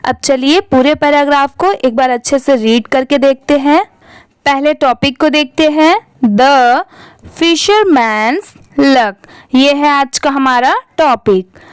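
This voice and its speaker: A woman teaches English reading in a high, unhurried voice. She spells each word out letter by letter before reading it aloud. The recording is close and dry, with no room echo. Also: fairly even intonation. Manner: spells words letter by letter, then reads them slowly.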